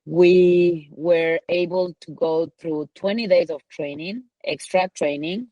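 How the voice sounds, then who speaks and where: A woman's voice: fairly low pitch, steady tone, takes it slowly, warm tone, no echo, lo-fi sound. Ecuadorian woman, filler-heavy guest talk. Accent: Ecuadorian Spanish. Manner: rambling, many "like" and "you know" fillers. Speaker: mountain guide, guest. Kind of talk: casual interview talk.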